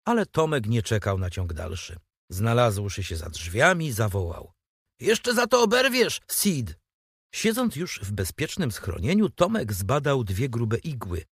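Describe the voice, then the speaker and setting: Male audiobook narrator, animated delivery, slightly husky, dry close sound. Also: on the low side, dry recording. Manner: expressive, animated reading. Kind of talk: scripted storybook narration.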